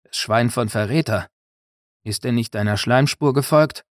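A man's voice: medium pitch, normal speed, no room sound, clean studio sound, natural voice. A man doing a mocking spineless soldier. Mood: taunting. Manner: mocking, defensive. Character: sneering male soldier, a spineless follower.

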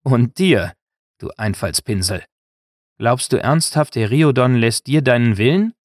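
A man's voice: fairly low pitch, normal speed, a bit bright, no room sound, clean studio sound, natural voice. A man voicing a defiant young male prisoner, speaking scornfully.

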